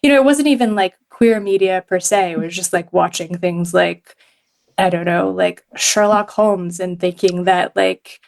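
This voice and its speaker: A woman's voice: on the low side, normal speed, gravelly, darkish tone. A woman from Hong Kong, a journalist guesting on a podcast, talking casually with lots of fillers and frequent laughs. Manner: chatty, many fillers, laughs often.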